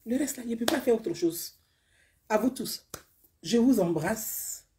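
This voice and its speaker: A woman from Côte d'Ivoire with an Ivorian French accent, talking to viewers in a casual live-stream monologue, emphatic and repetitive, her sentences often trailing off softly. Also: on the high side, animated, a little slow, noisy background. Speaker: live-stream political commentator.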